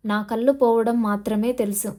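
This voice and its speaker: A woman's voice: a little high, little pitch movement, moderate pace, a little mellow, natural voice. Field: cornered police officer, voiced by a woman narrator. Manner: pleading. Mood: desperate. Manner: pleading, defiant. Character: desperate male police officer feigning blindness.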